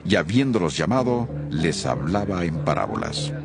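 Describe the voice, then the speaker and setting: A man narrating a Bible reading in a solemn, expressive scripted style. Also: low voice, moderate pace, a crowd in the background.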